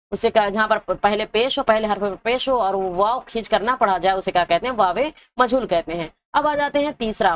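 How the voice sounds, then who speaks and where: A woman teaching an Urdu exam-prep lesson, asking her own questions and answering them, dragging out example words to show how they sound. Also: mid-range voice. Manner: drags out example words to show their pronunciation.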